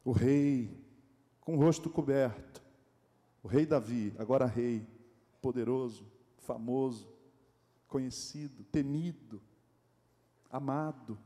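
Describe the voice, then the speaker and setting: A pastor with a Brazilian accent preaching a sermon in a church, animated and joking, often asking the congregation rhetorical questions. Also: male voice, medium pitch, slow, long pauses. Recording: echoey church hall.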